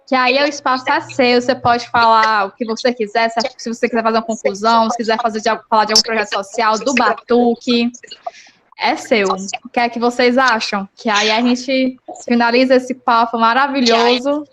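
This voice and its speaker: A woman's voice: on the high side, level tone, normal speed, background noise. A woman hosting a casual panel chat, earnest and steering the conversation, often checking in with "né?". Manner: earnest, guiding the talk, frequent "né?". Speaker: podcast host.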